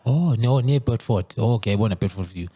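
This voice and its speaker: A man hosting a casual interview, chatty, often repeating his words and throwing in quick interjections. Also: on the low side, mellow, a little hiss or hum. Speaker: host.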